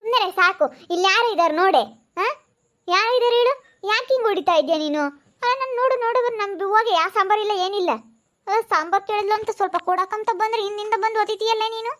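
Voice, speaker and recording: A woman playing a frightened, indignant village housewife who scolds in shrill complaints, with a rural central Karnataka accent in a village comedy skit. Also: fast talker, fairly bright tone. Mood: scolding. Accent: rural central Karnataka Kannada.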